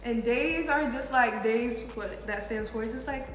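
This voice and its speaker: In a very echoey, reverberant room with music behind her, a young American woman chats to her vlog viewers. Her voice sits fairly high and sounds stuffed up, as if through a blocked nose from a head cold. She talks informally, peppering her sentences with "like". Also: measured pace. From United States, partly New York City. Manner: informal, frequent "like". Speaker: video blogger. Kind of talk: casual chatty Q and A vlog.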